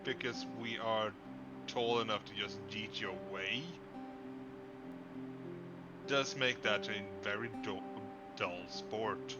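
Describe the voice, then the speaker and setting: A man with a lowish, fairly even voice chats casually on a livestream call, speaking slowly and pausing often. Sleepy and up early in the morning, he jokes, rambles and trips over his words. The call audio is muffled and lo-fi, with guitar music behind him.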